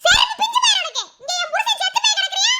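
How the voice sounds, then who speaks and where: A woman's voice: extremely high pitch, normal speed, very noisy. A woman voicing a grieving young widow in a cartoon, speaking with a Madurai Tamil accent, wailing one moment and scolding sharply the next. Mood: angry. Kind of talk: cartoon voice acting.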